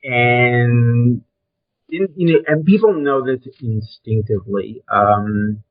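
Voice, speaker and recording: A slow, medium-pitched voice belongs to an older Brooklyn-accented man, an interview guest and film trailer and design veteran reminiscing about his career. His style is emphatic, blunt and conversational, carried over thin, phone-like call audio.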